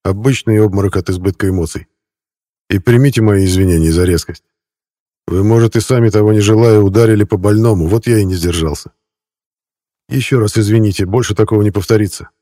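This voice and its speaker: A man's voice: fairly low pitch, brisk, mellow, no room sound, clean studio sound, natural voice. A man reading an intense young man from the future. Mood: apologetic. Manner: earnest explaining, flares into furious accusation.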